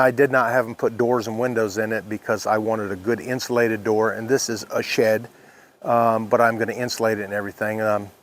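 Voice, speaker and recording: A man talking casually and unscripted as he hosts a walk-through vlog, explaining things in a plain-spoken, halting way. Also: lowish voice, slight background noise. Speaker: vlog host, small farm winemaker. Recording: echoey bare room or open space.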